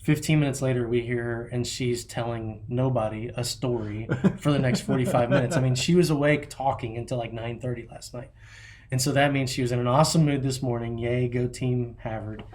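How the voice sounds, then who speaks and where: A man in his thirties, a podcast host telling rambling, animated stories about his kids and laughing at them. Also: mid-range voice, brisk, slight background noise. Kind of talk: casual chat.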